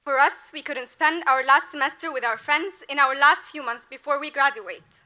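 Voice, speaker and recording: A woman's voice: high voice, normal speed, sharp tone. A young woman in her twenties, the graduating class representative, delivering an earnest, rhetorical commencement speech at a podium mic during a large outdoor ceremony. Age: 20s. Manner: earnest, rhetorical, building to emphatic peaks.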